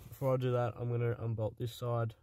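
Breathless while crammed into a car footwell, a man gives quick, casual work-along narration, cursing and muttering as he goes. His medium-pitched voice barely moves in pitch. The recording is very noisy.

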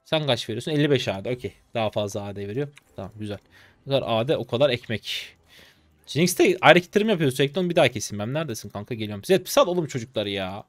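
Lively young Turkish streamer, dry close mic. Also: male voice, medium pitch, rapid-fire, no room sound. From Turkey. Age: 20s. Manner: excitable, chatty, talks to chat, bursts of laughter and teasing. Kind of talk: live gameplay commentary.

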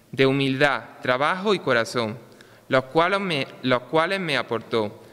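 A young man delivers a festival proclamation from a written text. His voice is bright and crisp, with a measured public delivery. It carries through a large church with long reverb. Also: mid-range voice. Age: young adult. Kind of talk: read-out ceremonial speech with recited verse. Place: large ornate church, indoors. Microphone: microphone on a stand.

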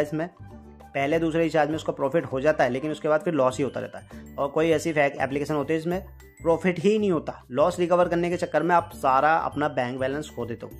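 A man giving casual, chatty commentary over his own slot game session, speaking frankly to his viewers about wins and losses. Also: on the high side. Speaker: gaming YouTuber.

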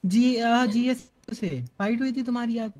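A man in casual roleplay voice chat, excitable and urging his crew on. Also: very high voice, moderate pace. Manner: excitable, urges others on. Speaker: roleplay gamer.

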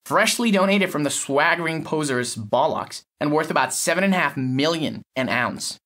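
Voicing a cynical male lab technician in an audio short story, a man with a slightly high, somewhat bright voice explains things bluntly and matter-of-factly with a sardonic edge. His delivery is animated, dry and moderately paced.

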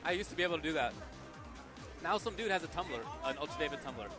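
Animated young man co-hosting a chat. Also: on the high side, fast, over music. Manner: animated, laughs loudly, hedges with fillers. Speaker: co-host. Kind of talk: casual chat.

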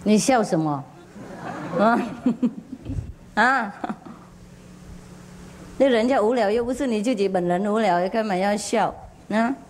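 A woman's voice: mid-range voice, unhurried, long pauses, slight background noise. A spiritual teacher, a woman, tells a parable to a gathering in a chatty, laughing manner with many fillers, often questioning her listeners. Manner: questions the audience directly. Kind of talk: storytelling sermon to a gathering. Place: group meditation gathering.

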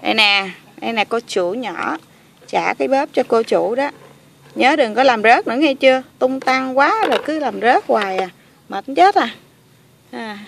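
A woman's voice: a little high, vocal fry, slight background noise. A woman voicing a grumpy, bossy male toy dinosaur that grumbles and teases. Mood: scolding. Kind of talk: toy play voice acting.

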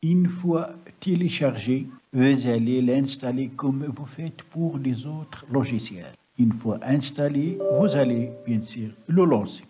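A man with a husky, rough voice narrating a step-by-step screen-recording tutorial. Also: medium pitch, slow, hardly any pauses, warm tone, faint music behind, poor audio. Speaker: software tutorial presenter. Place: voice-over on a computer screen recording.

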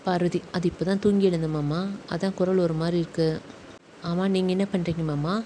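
A woman voicing Parvathi, a hurt young wife who speaks softly and pleadingly. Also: fairly low pitch, steady tone, a little fast, slight background noise, close to an everyday voice.

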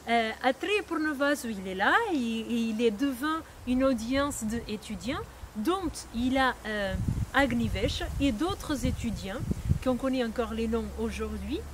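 A woman's voice: a little high, expressive, a little slow, background noise. A woman with a non-native accent teaching a lesson, patiently explaining with frequent hesitations and restarts. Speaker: Ayurveda teacher.

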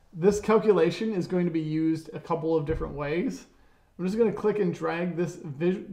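A man talking through a software tutorial step by step, relaxed, often correcting himself mid-sentence. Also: fairly high pitch, creaky. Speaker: software trainer. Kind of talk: screen-recorded software tutorial. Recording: roomy echo.

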